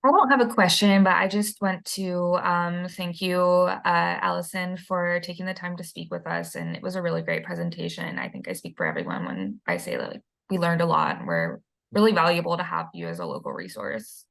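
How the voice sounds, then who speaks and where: A woman's voice: lowish voice, expressive, brisk, creaky, fairly bright tone. A woman in the audience politely thanking the speaker. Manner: polite, appreciative. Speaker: audience member.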